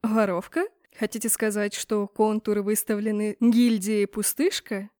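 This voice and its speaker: An icy young lord, as a woman reader puts him on speaks slowly and evenly with a faint mocking edge. The sound is close and dry. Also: medium pitch, flat delivery, mellow, smooth, no room sound, close to an everyday voice. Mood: cool. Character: cool, mocking young male lord, an academy rector.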